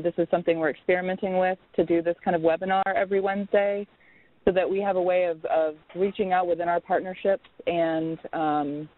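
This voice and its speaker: A program coordinator calling in remotely, heard over a cell phone line, giving slow, pause-filled welcome remarks on a webinar call. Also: mid-range voice, dry recording.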